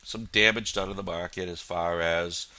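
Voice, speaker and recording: Low-voiced man with a stuffy nose. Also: fairly even intonation, moderate pace, sharp tone, a little hiss or hum. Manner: rambling, many fillers and restarts. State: has a cold, nasal voice. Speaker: futures trader. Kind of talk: casual market analysis walkthrough.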